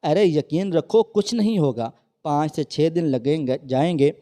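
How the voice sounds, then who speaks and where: Man doing a gentle reassuring young lawyer. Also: a little high, measured pace, natural voice.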